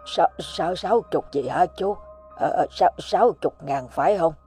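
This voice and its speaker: A woman's voice: lowish voice, animated, normal speed, dark tone, soft background music, close to an everyday voice. Woman doing a stammering, pleading poor old father.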